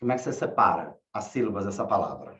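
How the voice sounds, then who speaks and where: A man teaching a class, asking questions slowly and repeating key words. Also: on the low side, lively intonation, a bit bright. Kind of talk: online class lecture. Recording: echoey room, dull lo-fi sound.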